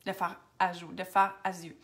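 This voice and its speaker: Chatty Acadian woman with a bright voice. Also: fairly low pitch, flat delivery, moderate pace. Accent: Acadian French. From New Brunswick, Canada. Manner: chatty, switches to English, drops to near-whispers now and then. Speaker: makeup seller hosting a Facebook live. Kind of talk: casual live-stream chat, answering viewer comments.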